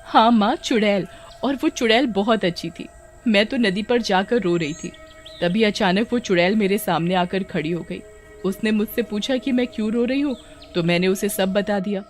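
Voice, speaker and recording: A woman voicing an excitable young village girl in a cartoon, breathless and eager. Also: medium pitch, normal speed, soft background music, lightly acted. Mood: excited.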